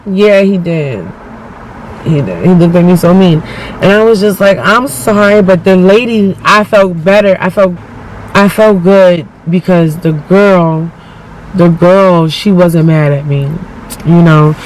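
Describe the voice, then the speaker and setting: A high-pitched man tells personal stories in a casual, slangy way. He swears freely and acts out other people's lines with animation. Faint noise sits behind the voice. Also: unhurried, rough recording. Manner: animated, profane, slangy, acts out quoted speech. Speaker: storyteller.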